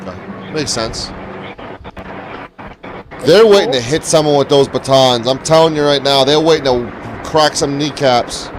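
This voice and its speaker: A man's voice: mid-range voice, a little slow, long pauses, noisy background. A man hosting a casual live panel stream, greeting viewers and swearing freely. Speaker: livestream host.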